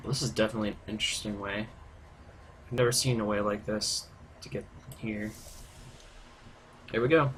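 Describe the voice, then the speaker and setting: Low-voiced man doing casual game commentary. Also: steady tone, moderate pace, pauses often, a bit bright, slight background noise. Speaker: gaming video host. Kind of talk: casual let's-play commentary. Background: game sound.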